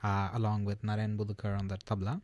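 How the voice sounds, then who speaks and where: A man's voice: on the low side, monotone, fast talker, a little mellow, dull audio. A man hosting a radio interview in a studio, speaking hesitantly with many fillers. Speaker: radio host. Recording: dry studio sound.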